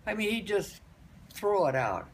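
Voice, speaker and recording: An elderly woman, a grandmother, casually telling family stories in a halting, rambling way and repeating phrases for emphasis. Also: medium pitch, sing-song, a little hiss or hum. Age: older, grandmother.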